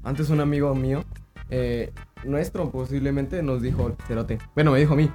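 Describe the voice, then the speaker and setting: A man's voice: medium pitch, fairly even intonation, moderate pace, dark tone, faint music behind. A man, co-hosting a podcast and telling stories crudely in casual chat, acting out what people said. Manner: crude, acts out quotes. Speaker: podcast co-host.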